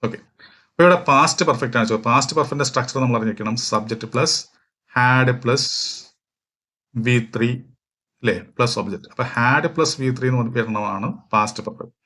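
A man from Kerala, walking through exam questions as a teacher, reading each question slowly and explaining at length with fillers. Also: medium pitch, sharp tone. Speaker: English teacher for exam prep. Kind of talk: exam question walkthrough lesson.

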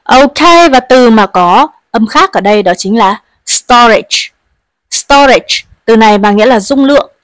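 A woman's voice: on the high side, a little slow, dry recording. A woman teaching an English lesson to pupils, patiently explaining each word and leading them to repeat after her.

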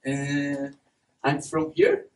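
Very slowly and a little mellow, a young man from Brazil speaks in a slightly high voice whose pitch swoops wildly, with a Brazilian Portuguese accent. His chatty talk in a dark event hall with a stage and projector is full of fillers and laughs, captured by a distant mic with faint noise.

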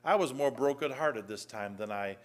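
A man preaching a sermon in a church, reading scripture emphatically and then dropping to a soft, low voice. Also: moderate pace. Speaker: pastor.

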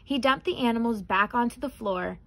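A young adult woman reading a children's picture book aloud in an expressive, careful way. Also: a little high, moderate pace, gravelly. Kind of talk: children's storybook read-aloud.

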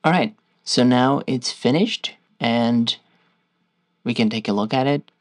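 A man with a Norwegian accent, casually walking viewers through a software tutorial in a loose, stop-start way. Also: mid-range voice, a little slow, music in the background. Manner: loose, stop-start explaining while clicking through screens. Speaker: tutorial host.

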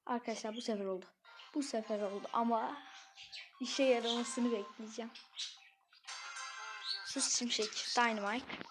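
A woman giving excitable, easily frustrated commentary on a mobile game she plays, talking straight to her viewers. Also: fairly high pitch, moderate pace, pauses often. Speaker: gaming channel host. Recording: clear background game music.

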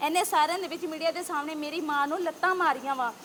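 A young Punjabi woman with a Punjabi accent, giving an agitated interview to reporters and pressing one rapid rhetorical question after another. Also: sits high, fairly bright tone. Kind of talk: heated street interview.

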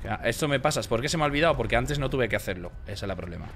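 A man's voice: mid-range voice, animated, racing, background noise. A man from Spain streaming a game, rambling casually to his chat in a Spain Spanish accent, swearing freely and joking around.

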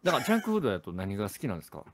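A man's voice: lowish voice, wildly swooping pitch, racing, slight background noise. A man, chatting and teasing on a casual gaming stream. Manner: teasing, loud outbursts of joking.

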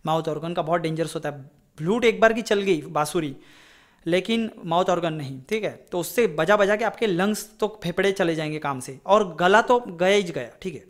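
A man whose voice is a little high talks fairly quickly as he gives a casual flute lesson. As a music teacher he is chatty and rambling, digresses into advice, and keeps checking in with "ठीक है?"

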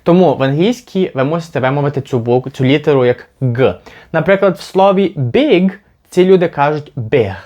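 A man from Ukraine teaching an English lesson, patiently repeating example words slowly to demonstrate them. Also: a little high, expressive, darkish tone, lo-fi sound. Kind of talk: language lesson.

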